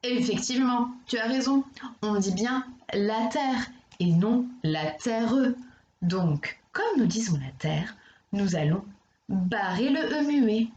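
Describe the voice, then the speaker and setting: A woman primary school teacher talking a young child through exercises in a recorded lesson, with slow, careful enunciation. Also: mid-range voice, darkish tone, lo-fi sound, slight background noise. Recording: echoey room.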